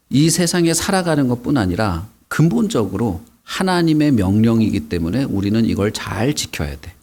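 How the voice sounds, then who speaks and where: A man teaching a Sunday school sermon to children, asking them questions as he goes. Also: medium pitch. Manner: animated, asks the kids questions.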